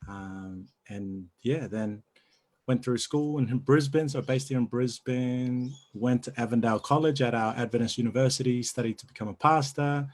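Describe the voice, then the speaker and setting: A man's voice: mid-range voice, moderate pace, a little mellow. Laid-back guy in his 30s, pastor, chatting and laughing easy on a video call. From New Zealand. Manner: easygoing, laughs often. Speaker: church pastor. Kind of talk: casual interview chat.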